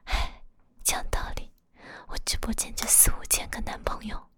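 A young woman hosting a late-night livestream, talking to her viewers in a teasing, playful whisper close to the microphone. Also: normal speed. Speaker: livestream host.

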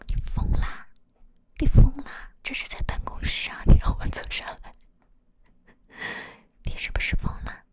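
A woman's voice: unhurried, pauses often, close to an everyday voice. A woman whispering the part of a flustered young office worker who pleads with a coworker.

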